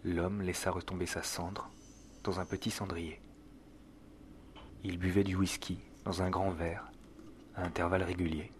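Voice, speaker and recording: A man playing the measured first-person narrator of an audio drama, reading scripted narration. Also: sits low, little pitch movement, slight background noise. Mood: measured, hushed. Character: grave, measured male first-person storyteller.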